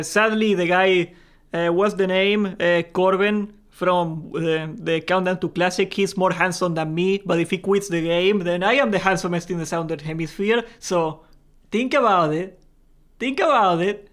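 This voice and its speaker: Chatty high-voiced young man streaming. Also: fairly bright tone. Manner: chatty, joking, swears casually, laughs often. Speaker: gaming livestream host. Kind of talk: casual live-stream chat.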